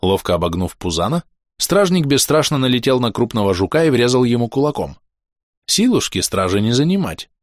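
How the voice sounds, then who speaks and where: Male audiobook narrator, vivid action reading, mid pitch, dry close studio sound. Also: very animated, brisk, no room sound. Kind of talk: scripted first-person narration.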